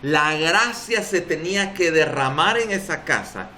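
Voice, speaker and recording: A man's voice: a little high, animated, a little slow, sharp tone, a little hiss or hum. A man with a Salvadoran accent preaching a sermon as pastor at a church service, emphatic and drawing responses from the congregation. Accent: Salvadoran Spanish.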